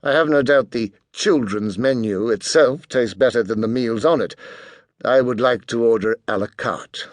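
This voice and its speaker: A man's voice: mid-range voice, normal speed, dry recording, lightly acted. A man doing a haughty teenage genius. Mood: condescending. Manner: cold and condescending.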